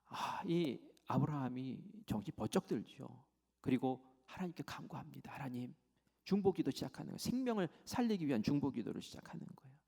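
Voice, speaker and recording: A man preaching a sermon as pastor, telling the story dramatically and swinging from loud declarations to near whispers. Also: mid-range voice, lively intonation, brisk, vocal fry, big-room sound.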